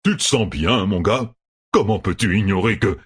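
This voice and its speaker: A man's voice: on the low side, moderate pace, slightly rough. A man playing a shrewd, chummy innkeeper. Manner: chummy, then scheming. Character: burly, shrewd male innkeeper, falsely friendly.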